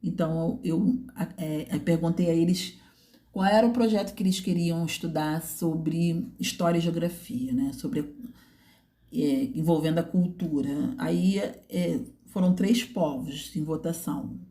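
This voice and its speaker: A woman's voice: deep voice, steady tone, measured pace, mellow. A woman teacher, walking through a student's writing portfolio in a didactic way and often checking in with her listeners. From Brazil.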